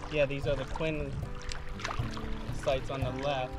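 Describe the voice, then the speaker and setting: A man with a mid-pitched, easygoing voice talks casually from a canoe on a river, pointing out campsites and views. Clear music plays under his voice. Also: slow. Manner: relaxed, describing campsites as he paddles. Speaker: vlogger on a canoe trip. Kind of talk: casual outdoor narration.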